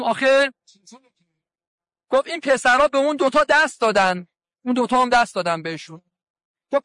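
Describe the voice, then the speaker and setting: A man's voice: very high voice, pushed and bright, no echo. A man who is a cleric, giving a sermon in a colloquial way, retelling conversations with quoted lines from around Qom. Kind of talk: sermon with anecdotes.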